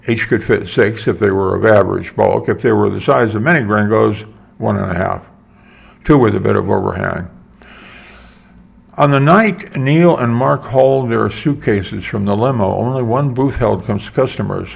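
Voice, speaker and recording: Gravelly older man reading a story. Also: lowish voice. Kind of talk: reading his own story aloud.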